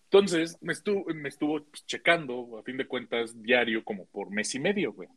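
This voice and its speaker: A man's voice: animated, normal speed. Young Mexican man telling a wild story. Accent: Mexican Spanish. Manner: slangy, acts out quoted voices with big pitch jumps. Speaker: storyteller in group chat. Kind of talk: casual storytelling chat.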